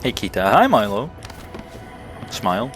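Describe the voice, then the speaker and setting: A man's voice: fairly low pitch, sing-song, unhurried, music in the background. A Welsh man, a streamer, chatting casually and joking while he plays, swearing freely and answering chat. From Wales.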